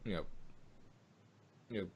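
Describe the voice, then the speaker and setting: A man co-hosts a podcast reviewing audio dramas, his voice unhurried and slightly mellow. He chats casually, rambling, restarting often and laughing easily.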